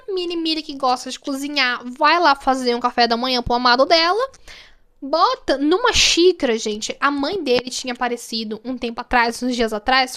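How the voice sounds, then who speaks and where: Brief: Brazilian woman vlogger, high voice, animated and slangy, wry film-recap storyteller. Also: clean tone. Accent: Brazilian Portuguese. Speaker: film reviewer. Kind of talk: casual film recap vlog.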